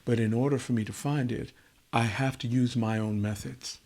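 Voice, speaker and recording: A man voicing a wise elderly male royal advisor, speaking quietly and in a measured, humble way. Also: mid-range voice, fairly even intonation, lightly acted. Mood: calm.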